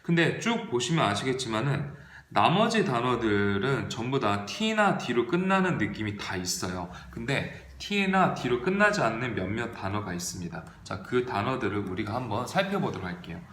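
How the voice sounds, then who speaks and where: A man's voice: medium pitch, big pitch swings, moderate pace, fairly bright tone. A male English teacher giving an online video lesson, reading verb forms aloud in drills and asking and answering his own questions. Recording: roomy echo.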